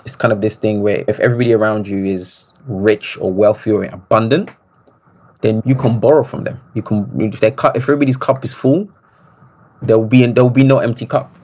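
Man, lowish husky voice, reflective storyteller, interview guest. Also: fairly quick. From Congo. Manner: reflective, animated storytelling with restarts. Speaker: podcast guest. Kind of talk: casual interview conversation.

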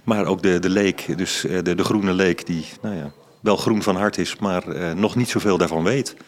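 Speaking at a normal speed in a low register, a middle-aged man explains things during an informal interview, full of ums and restarts. He is an author and science journalist.

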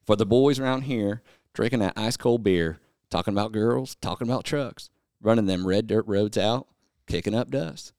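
A man's voice: lowish voice, normal speed, a little mellow, clean tone, no echo, clean studio sound. A man co-hosting a casual podcast, read-singing country song lyrics for laughs. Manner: reads song lyrics in a half-sung, joking way. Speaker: podcast co-host.

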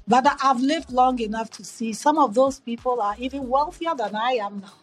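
A middle-aged woman from Ghana speaks as an interview guest over a remote call. Her voice sits somewhat high, and she tells her story in an earnest, reflective way, often restarting her sentences. Faint music plays underneath. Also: moderate pace, low-quality recording. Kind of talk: conversational storytelling.

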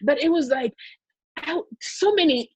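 A woman's voice: sits high, expressive, unhurried, a little mellow, no echo, rough recording. A woman from Congo telling a personal story in a casual, emotional, rambling way full of fillers.

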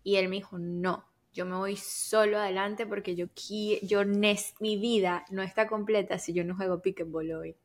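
A woman's voice: medium pitch, fairly even intonation, normal speed, few pauses. A woman co-hosting a casual chat, telling stories in Spanglish, dropping English words into her Spanish. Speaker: podcast co-host.

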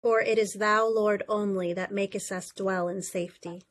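A woman with a medium-pitched voice reads at evening prayer. Her delivery is the formal style of scripture lessons and liturgical responses. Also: fairly even intonation, normal speed.

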